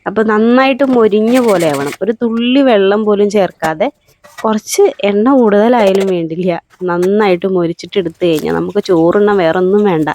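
Slightly hoarse woman chatting through a cooking vlog. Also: mid-range voice, no room sound. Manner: chatty and homely, speaks slowly and gently to spare her voice. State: slightly hoarse, throat troubled by a lingering cough. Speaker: cooking vlogger. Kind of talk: casual cooking narration.

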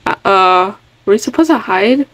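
A woman giving casual, excitable commentary on a game she is playing, chatty and often restarting her words. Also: medium pitch, normal speed, poor audio. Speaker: gaming video creator.

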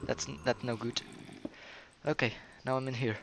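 Giggly excitable gamer guy. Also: mid-range voice, normal speed, noisy background. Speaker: gamer co-host. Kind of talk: casual gameplay chat.

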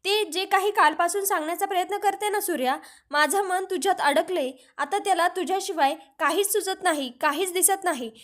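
A woman's voice: very high-pitched, a little fast, fairly bright tone. A woman reading the lines of an earnest young woman confessing her love in a storybook retelling. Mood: heartfelt. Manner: heartfelt, pleading.

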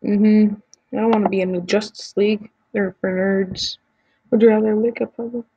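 A woman's voice: medium pitch, level tone, moderate pace, warm tone, husky, lo-fi sound. A woman YouTuber chatting casually as she answers quiz questions, giving blunt opinions with frequent ums and restarts.

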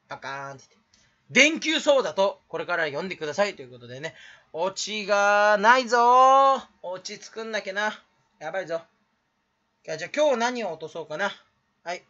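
A teenage man rambles alone to his camera, joking at his own expense and scolding himself between gags. His voice is high and bright, swinging widely in pitch. The camera-mic sound is dull and lo-fi in a small room. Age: teens. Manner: self-mocking, jokey, talks to himself. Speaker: small YouTuber. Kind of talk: rambling solo comedy vlog.

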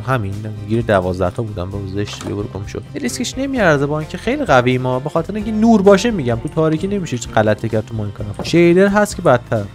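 A man hosting a casual gaming session, narrating his build in an excitable, teasing way and bossing around the creatures in the game. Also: medium pitch. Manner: excitable, teasing, chatters to the game's animals and villagers. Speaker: gaming channel host. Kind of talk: casual let's-play commentary.

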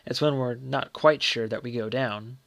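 A man voicing an earnest, secretive young boy in a story, speaking gravely and politely. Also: mid-range voice, normal speed, fairly bright tone, dry recording.

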